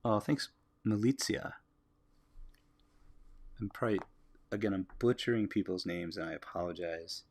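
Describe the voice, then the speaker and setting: An American man livestreaming as he draws, musing aloud in a relaxed way and chatting with his viewers. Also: low voice, fairly quick. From United States. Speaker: artist livestreaming a drawing. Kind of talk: casual livestream commentary while drawing.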